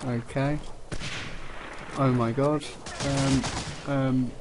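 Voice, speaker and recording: A man with a medium-pitched voice commentates on a video game at a slow pace. He is offhand and jokingly sarcastic, with game gunfire and faint noise behind him. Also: flat delivery. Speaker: let's play host. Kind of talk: casual gameplay commentary. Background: video game ambience and gunfire.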